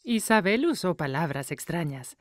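A woman's voice: fairly low pitch, big pitch swings, normal speed, no echo. A woman narrating a scripted children's cartoon story. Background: music.

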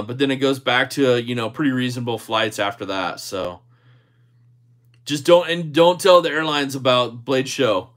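A man's voice: mid-range voice, fairly bright tone. A man hosting a livestream, casually reading and answering viewer comments in a jokey, easygoing way. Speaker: livestream host.

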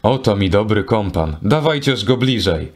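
A good-humored king from an old tale, amused and mocking as he questions a fool, played by the male narrator. The voice sits fairly low and stays close to the reader's own. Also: lively intonation, moderate pace. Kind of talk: audiobook character reading.

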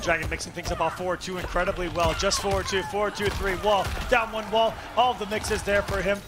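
A man giving live play-by-play commentary on a fighting game tournament, with excitable, emphatic calls. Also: high voice, a little fast. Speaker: esports commentator. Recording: music behind the commentary.

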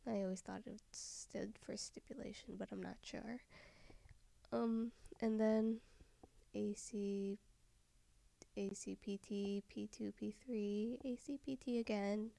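Female tutorial narrator, low-key and slow, mellow fry-edged tone, dry close sound, drifts into whispers. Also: fairly even intonation, no room sound. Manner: soft-spoken, often trailing into a whisper. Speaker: software tutorial maker. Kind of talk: screen-recorded software tutorial voice-over.

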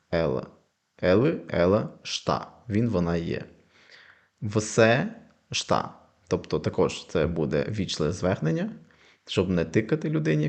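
A man teaching a language lesson, explaining patiently, repeating example phrases slowly and checking in with quick questions. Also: on the low side.

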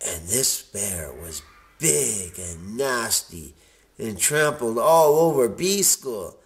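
A man reading a children's picture book aloud in a lively, expressive way. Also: lowish voice, slow pace, gravelly. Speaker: storybook reader.

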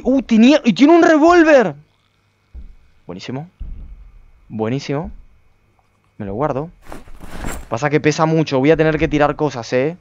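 A male streamer giving excitable gameplay commentary, talking to his viewers and to himself. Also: mid-range voice, clean tone, dry recording, muffled recording.

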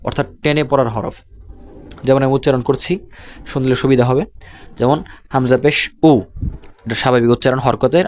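Male Quran reading teacher, slow and measured, level monotone delivery, repeats each syllable. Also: medium pitch, slight background noise. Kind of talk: slow spelled-out recitation lesson.

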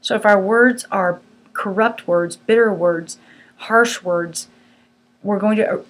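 A woman's voice: medium pitch, slow pace. A middle-aged woman teaching a small Bible study group, earnest, firm and conversational.

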